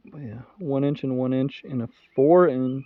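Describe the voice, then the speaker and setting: A man's voice: mid-range voice, normal speed, no room sound, phone-quality sound. Chatty man explaining his building work. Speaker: vlog host building a home. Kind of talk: casual build-update vlog.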